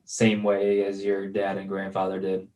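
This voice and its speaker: A man's voice: deep voice, completely flat delivery, unhurried, a little mellow. A man hosting a casual interview, asking direct questions in a friendly way.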